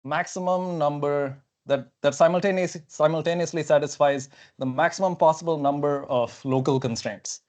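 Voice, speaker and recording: A young man, not a native English speaker, gives a technical seminar talk at a whiteboard in a lecture hall, recorded on a clip-on lapel mic. His voice sits on the high side and is a little mellow, moving at normal speed with few pauses. He sounds casual, thinking aloud and dropping frequent okays and fillers.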